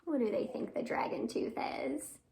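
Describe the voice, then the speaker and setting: Greeting the little ones with a song, a library storytime host reads to young children in an animated style, full of exclamations and questions aimed at them. She speaks at a moderate pace in a fairly high voice that has a dark tone and vocal fry.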